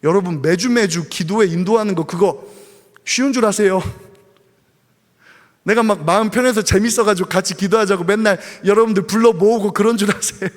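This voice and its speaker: A man with a high, light voice preaches a sermon, pressing his point with rhetorical questions and then easing into softer asides. His voice rings out in a church sanctuary with a long reverb tail. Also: brisk. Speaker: pastor.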